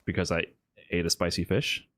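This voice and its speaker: A man's voice: deep voice, moderate pace. A man from Miami chatting casually and patiently coaching a player through a fighting game. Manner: relaxed, laughs easily, explains patiently.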